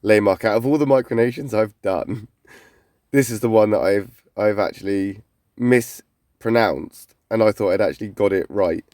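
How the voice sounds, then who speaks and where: A man's voice: fairly low pitch, normal speed, darkish tone, no echo, clean studio sound. A man reacting to videos in casual commentary, blunt and skeptical. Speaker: micronation reviewer.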